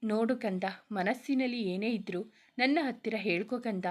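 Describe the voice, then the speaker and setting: A woman reading the lines of a caring young husband in a spoken story, gentle and soothing. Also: fairly high pitch, moderate pace, natural voice. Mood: tender. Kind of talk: read-aloud story dialogue.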